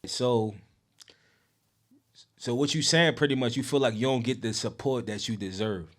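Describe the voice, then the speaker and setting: A man's voice: medium pitch, moderate pace, a bit bright. A man hosts a casual interview podcast. He phrases questions loosely in street slang. He often drops in short words of agreement as he goes.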